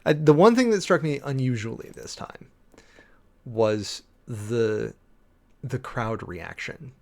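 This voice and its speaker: Creaky-voiced man rambling over sermon notes. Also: mid-range voice, lively intonation, a little mellow. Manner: rambling, thinking aloud with many fillers and restarts; reads and parses Greek text slowly. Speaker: preacher preparing a sermon. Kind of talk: casual sermon-prep talk.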